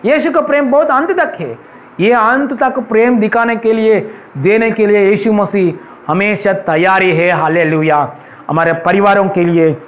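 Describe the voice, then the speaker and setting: A male pastor preaching with insistent, repeated hallelujahs. His voice sits unusually high for a man. It is a church sermon, earnest and emphatic throughout. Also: measured pace.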